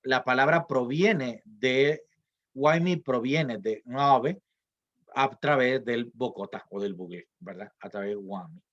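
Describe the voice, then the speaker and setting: A man's voice: medium pitch, takes it slowly, fairly bright tone, lo-fi sound. A man giving a recorded online class, hesitant, with many fillers and restarts and rhetorical questions. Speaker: lecturer.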